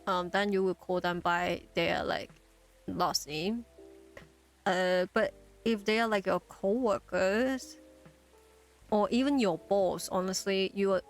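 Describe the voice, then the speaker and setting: A woman's voice: mid-range voice, takes it slowly, pauses often, soft background music. A woman who is not a native English speaker, streaming a game in a chatty, self-deprecating way with lots of fillers.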